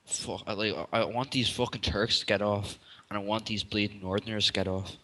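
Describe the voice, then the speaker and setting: Irish male caller, Dublin accent, lower-pitched, forceful, profane rant. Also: fairly even intonation, a little fast. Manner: angry, profane ranting. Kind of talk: call-in rant.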